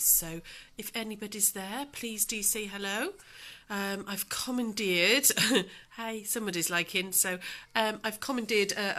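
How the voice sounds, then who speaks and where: A craft tutor livestreams on her phone from her home dining room, chatting casually with viewers and greeting them by name with endearments. Her voice is bright yet on the low side, and slightly snuffly from allergies.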